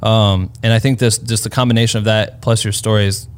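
Lower-voiced casual podcast host. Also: male voice, fairly even intonation, brisk, smooth. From Iowa, USA. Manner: loose and enthusiastic, swears freely, many "like" fillers. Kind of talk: casual interview chat.

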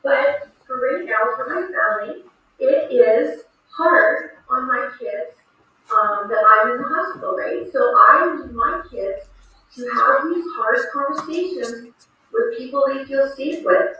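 A woman's voice: sits high, measured pace, bright, forceful tone, muffled recording. A middle-aged woman talking from a small hospital room as a teacher on a video call, encouraging and plain-spoken, addressing young listeners directly with rhetorical questions. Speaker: online resource teacher speaking to students. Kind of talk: video call question-and-answer talk to teenagers. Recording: very echoey room, distant mic.

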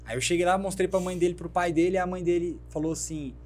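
Lively Brazilian man telling his story. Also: high-pitched, fast. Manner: animated storyteller who acts out quoted dialogue. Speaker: guest, fashion brand founder. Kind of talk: storytelling in a podcast interview.

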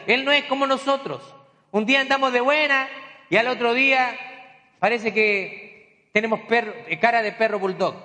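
A man's voice: very high voice, pushed and bright, in a large hall. A man pastor preaching a sermon, teaching and explaining terms with folksy asides.

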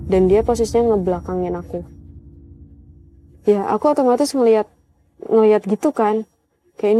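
A young woman with a medium-pitched, dark-toned voice tells a spooky personal story. It's a casual spoken horror tale, delivered in a chatty, conversational way straight to her viewers.

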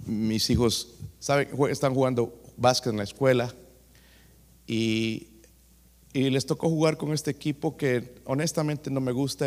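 Brief: male pastor, mid-pitched, animated sermon storytelling, long hall reverb of a church sanctuary. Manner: animated storytelling preacher, repeatedly addressing the listeners as "hermanos".

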